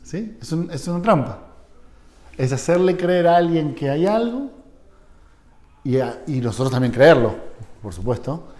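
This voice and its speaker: A fairly high-voiced man teaching a seminar. His tone is dark and mellow. He keeps checking in with his listeners and briefly acts out imagined exchanges. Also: expressive, a little slow, pauses often. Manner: conversational, asks the audience for agreement, acts out short quoted dialogues. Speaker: seminar lecturer on psychoanalysis. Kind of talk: live seminar lecture.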